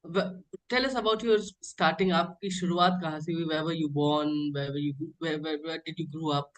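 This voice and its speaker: A man with an Indian accent hosting an informal interview, phrasing his questions haltingly and repeating words. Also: a little high, fairly even intonation, fairly bright tone, rough recording. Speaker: interviewer, host.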